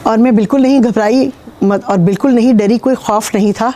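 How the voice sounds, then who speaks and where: A woman from Pakistan, a spiritual healer, calmly recounting her own experiences in an interview with measured pauses. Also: fairly high pitch. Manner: calm, measured storytelling with frequent pauses.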